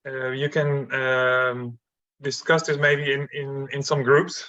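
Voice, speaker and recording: A man teaching an online missions class, pausing often and speaking in halting starts through an interpreter. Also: medium pitch, level tone, bright, forceful tone, no room sound. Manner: halting, stops and starts with many fillers. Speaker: missions trainer. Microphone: video call. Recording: dull lo-fi call audio.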